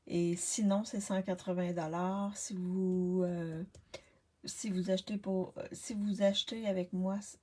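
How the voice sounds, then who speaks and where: A retired Canadian woman with a fairly low, warm voice chats casually on a live card-making stream, greeting viewers by name amid many fillers and restarts. She is in her home craft workspace, recorded by a laptop webcam on her desk.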